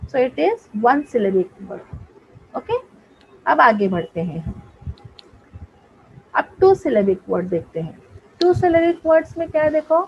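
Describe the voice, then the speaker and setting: Woman teacher, unhurried, keeps asking if pupils follow; muffled online-class recording, faint hiss. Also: high-pitched, very animated. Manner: explains slowly, mixing Hindi and English, checks with pupils. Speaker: English teacher. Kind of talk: online class lesson in Hindi and English.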